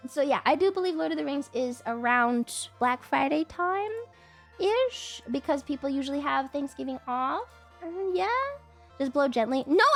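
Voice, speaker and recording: A woman with a high, slightly bright voice chats and rambles casually on a home desk mic during a livestream. She's congested with a cold and keeps breaking into whiny, playful outbursts.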